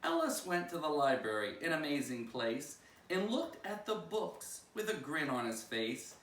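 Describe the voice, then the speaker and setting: A man reads a rhyming children's picture book aloud like a school principal at story time, his voice a little high and a little slow. His phrasing is expressive and singsong, captured by a distant microphone in a roomy, echoing space.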